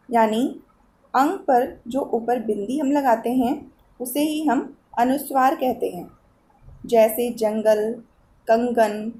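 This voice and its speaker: Slow, patient woman teaching young pupils. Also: high voice, darkish tone, a little hiss or hum. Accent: Eastern Uttar Pradesh Hindi. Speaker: school teacher. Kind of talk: Hindi grammar lesson for children.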